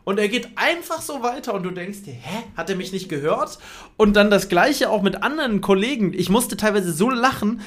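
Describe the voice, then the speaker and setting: Chatty laughing podcast man. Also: high-pitched. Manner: chatty, laughs often, many fillers. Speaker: podcast co-host. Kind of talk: casual chat.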